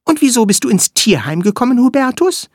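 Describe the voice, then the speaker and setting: A reader voicing a tiny, chatty, fussy male flea in a children's story, high and bouncy in manner. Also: big pitch swings, breathy edge, no room sound, clean studio sound. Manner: high, bouncy and quick-witted. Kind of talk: storybook character voice.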